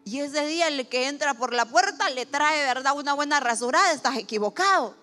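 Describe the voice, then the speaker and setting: A woman preaching a sermon, animated, swinging from loud emphasis to hushed asides and acting out people's words in quoted voices. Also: sits high, fairly quick, faint music behind. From Honduras.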